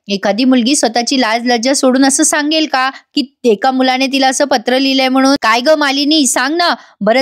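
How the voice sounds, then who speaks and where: Woman doing a bossy angry aunt, scolding, sarcastic, high voice. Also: natural voice. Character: domineering angry middle-aged aunt.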